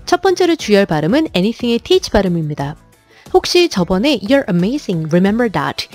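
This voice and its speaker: A woman gives a video lesson on English pronunciation, her pitch rising and falling with animation. She slows down to repeat example words one by one. Soft music plays faintly behind her. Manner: lively, demonstrates English words slowly and repeatedly.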